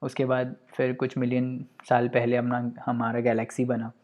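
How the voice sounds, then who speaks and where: A man's voice: medium pitch, completely flat delivery, normal speed, a little mellow. A man teaching an online geography lecture, explaining step by step in a conversational way and slipping English phrases in. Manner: conversational, with frequent "you know" fillers.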